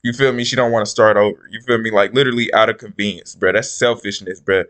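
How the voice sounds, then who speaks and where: A man's voice: on the low side, fairly even intonation, quick pace, a bit bright. A man giving casual reaction commentary in a slangy frat-bro manner, peppering his talk with bro. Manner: bro-heavy slangy frat-bro talk, repeats "bro" and "you feel me".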